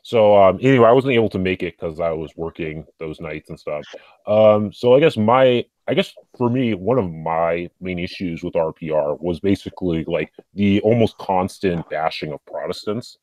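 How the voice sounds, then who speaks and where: A man's voice: low-pitched, normal speed, darkish tone, dry recording. A man speaking as a podcast guest, rambling casually with lots of fillers like "and stuff.".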